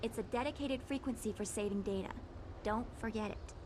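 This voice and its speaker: A woman's voice: on the high side, brisk, natural voice. A woman voicing an eager, polite young female tech specialist in an overacted anime-dub style for a video game. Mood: earnest, instructive. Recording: clear background noise.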